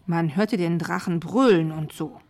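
A woman reading a children's story aloud in a lively storytelling manner. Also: on the low side, a little slow. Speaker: story reader.

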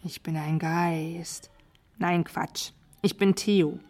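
A woman's voice: lowish voice, fairly even intonation, slow pace, a little mellow. A woman voicing a mocking ghost knight. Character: scornful ghostly male knight in a cave.

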